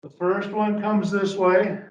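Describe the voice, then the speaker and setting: A man teaching a tai chi class, giving calm, unhurried step-by-step movement cues from a distance in an echoing room. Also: high-pitched. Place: indoor group class in an echoey room, mic far off. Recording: echoey room, distant mic, dull sound.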